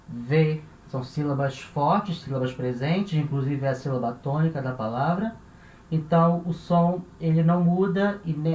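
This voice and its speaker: A man's voice: fairly high pitch, darkish tone, muffled recording. Patient Brazilian man teaching grammar. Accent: Brazilian Portuguese. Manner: patient, repeats and spells out each form. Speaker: language teacher. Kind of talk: explaining French grammar in Portuguese. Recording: echoey room with faint noise.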